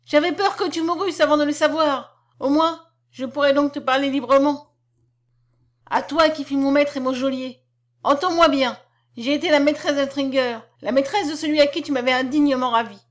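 A woman's voice: sits high, normal speed, pitched above the performer's own voice, lightly acted. A woman reading aloud, voicing a proud, bitter older woman who commands and defies her husband. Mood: defiant. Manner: commanding, cutting, defiant.

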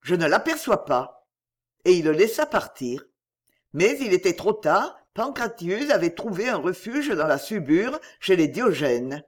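A man narrating a story in an expressive, dramatic reading. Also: high voice, measured pace. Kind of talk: audiobook narration.

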